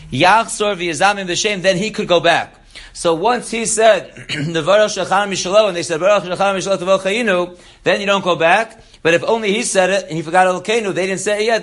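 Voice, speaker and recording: High-voiced man teaching a halacha lesson. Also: a bit bright. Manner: reads Hebrew text then explains in English. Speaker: Torah teacher.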